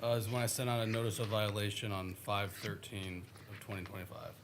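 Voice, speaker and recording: Witness, male, American code officer. Fairly deep pitch, formal testimony style, slightly noisy recording. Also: level tone, brisk. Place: public hearing room.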